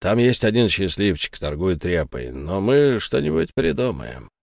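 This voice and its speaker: A stern, calculating burgomaster in an audiobook speaks in slow, clipped phrases with a low voice, as a man puts him on. The sound is dry and close. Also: sing-song, vocal fry, a little mellow, no echo, full character voice. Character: stern, calculating middle-aged male burgomaster.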